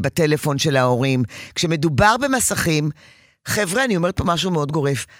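A woman counseling a parent in an emphatic, animated advice session. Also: medium pitch, no echo, clean studio sound.

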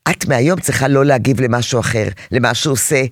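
A middle-aged woman coaching a parent, animated and acting out little scenes between parent and child to make her points. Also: a bass voice, no echo, studio quality. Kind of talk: advice talk to a parent.

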